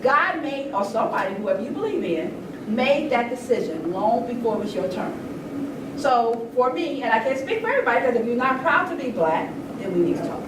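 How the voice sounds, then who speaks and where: An older woman gives an impassioned, informal talk in an indoor room at a public event, earnest and emphatic, telling stories conversationally. Her voice is on the high side, very animated, and a little fast. The mic is distant, the room echoes, and the background is noisy.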